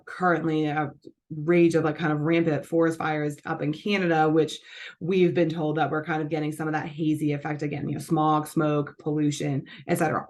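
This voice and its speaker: A woman hosting a nutrition channel explains things to camera in a casual, chatty way, full of fillers and self-corrections. Her low voice sounds scratchy and congested from allergies.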